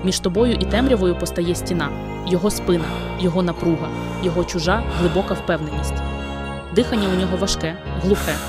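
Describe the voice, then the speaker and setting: A woman reading a second-person dramatic story aloud in an intimate, dramatic storytelling manner. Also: lowish voice. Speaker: narrator. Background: background music.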